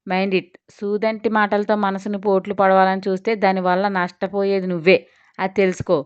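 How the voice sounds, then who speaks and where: A woman's voice: mid-range voice, little pitch movement, fairly quick, clean tone, dull audio, close to an everyday voice. A woman reading a stern lecturing elder brother. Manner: firm, lecturing. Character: stern protective elder brother, young man.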